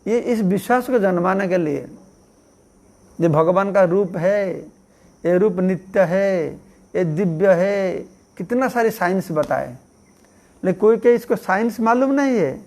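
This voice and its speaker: Man, high voice, conversational sermon, acts out story voices, crickets chirping behind. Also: measured pace, a little mellow. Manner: frequent affirming "haan" fillers. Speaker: monk preacher.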